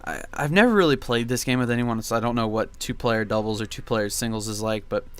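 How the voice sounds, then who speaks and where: A man's voice: mid-range voice, fast talker, smooth. A young man reminiscing casually in gameplay commentary, with a laid-back, rambling and nostalgic way of talking. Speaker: video game commentary host.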